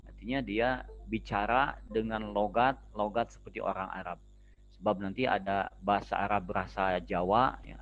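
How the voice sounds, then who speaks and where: A man's voice: fairly low pitch, phone-quality sound. A man with a Sundanese accent giving an informal lecture, explaining step by step and repeating key terms. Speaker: Islamic studies lecturer.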